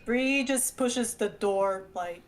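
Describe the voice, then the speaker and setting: A woman's voice: on the high side, slow. A woman chatting casually as a tabletop role-playing player, hesitant and thinking aloud as she decides. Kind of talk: casual game chat.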